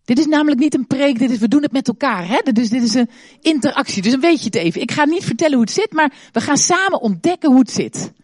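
Een vrouw met een vrij hoge stem die veel op en neer gaat, en die in de kerk de kinderen vragen stelt. Ze praat uitbundig en moedigt aan. De opname is droog, zonder galm. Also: female voice, sits high, fast, breathy edge, dry recording, studio quality. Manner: asks many questions, animated, exclaims. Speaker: children's talk leader in church service. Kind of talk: interactive children's talk.

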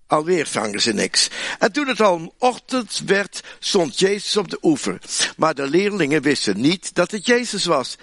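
A pastor preaches a sermon in a chatty, humorous style, making asides to his listeners, animated and restarting often. His voice is on the high side, and there is no echo.

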